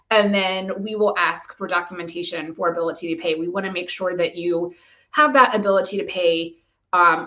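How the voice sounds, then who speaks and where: A woman's voice: on the low side, sharp tone, highs cut off. Woman lawyer explaining step by step. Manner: measured, methodical explaining. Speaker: immigration lawyer. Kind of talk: explanatory talk to camera.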